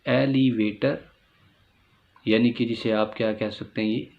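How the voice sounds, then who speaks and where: Urdu-speaking male English teacher, gravelly voice, slow and deliberate, lo-fi recording. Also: mid-range voice, steady tone. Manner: slow, drawn-out word pronunciation with repeated rhetorical questions. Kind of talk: classroom-style explanation.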